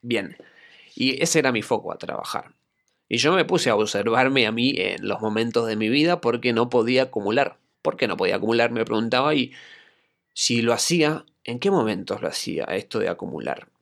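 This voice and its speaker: Speaking fairly quickly at medium pitch, this Argentine-accented acting coach hosts his own solo podcast. His gravelly, fairly bright voice has lively intonation as he tells a reflective personal story in a conversational way.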